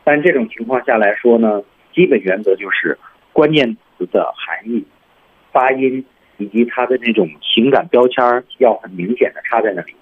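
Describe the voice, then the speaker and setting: A man's voice: medium pitch, normal speed, husky, narrow, tinny audio. A male English teacher explaining speaking technique on a radio lesson, going step by step and repeating example lines.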